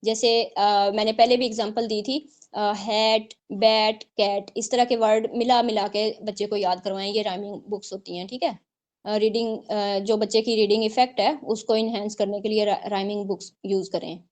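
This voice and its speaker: A woman's voice: medium pitch, fairly even intonation, moderate pace, darkish tone. A woman teacher, explaining points and checking in often with her online students. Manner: explanatory, repeats points with frequent "theek hai" checks. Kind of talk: online exam-prep lecture.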